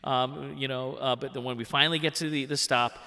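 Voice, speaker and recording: A man in his forties telling a funny true story on stage, in an animated way that jumps into big voices for the quotes. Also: medium pitch, fairly quick. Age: 40s. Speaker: workshop storyteller. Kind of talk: live comic personal storytelling. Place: stage in a theatre hall. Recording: long hall reverb.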